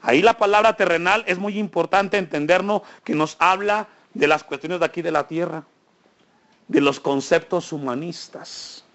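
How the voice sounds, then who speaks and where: A man's voice: on the high side, normal speed, fairly bright tone. A male pastor preaching a sermon in a church, asking the congregation frequent questions and building emphasis.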